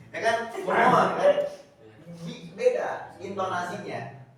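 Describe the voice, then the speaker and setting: A man's voice: high-pitched, takes it slowly, a bit bright. A man teaching a class, talking. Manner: rambling, with many fillers and repeated words. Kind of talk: classroom lecture. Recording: echoey classroom from far off.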